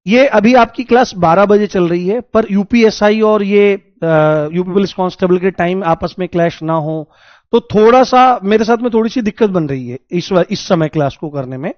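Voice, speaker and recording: A man teaching a live online class, lively, repeating points and questioning his students. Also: high voice, normal speed, no echo, muffled recording.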